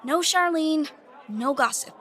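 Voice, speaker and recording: A woman voicing a bright, eager teenage schoolgirl who explains things like a know-it-all. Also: high-pitched, unhurried, some chatter behind.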